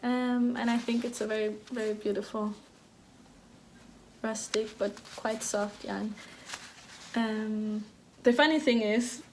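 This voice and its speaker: Over a noisy background, a fairly high-pitched woman speaks slowly in an even, flat way. She's a thirty-something from Denmark hosting a knitting podcast, and her casual talk is hesitant, full of fillers and restarts.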